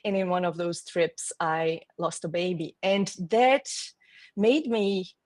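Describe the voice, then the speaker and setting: A woman's voice: on the low side, slow, a little mellow, no room sound. A woman in her forties from Brazil, speaking English with a Brazilian Portuguese accent, a guest talking thoughtfully over a video call with hesitant restarts. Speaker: guest, marketing executive. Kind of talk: conversational interview.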